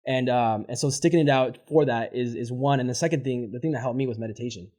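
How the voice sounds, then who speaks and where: A man talks quickly as a podcast guest, his voice mellow and dark. He gives motivational advice with fervent conviction and casual swearing. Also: mid-range voice. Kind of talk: motivational interview talk.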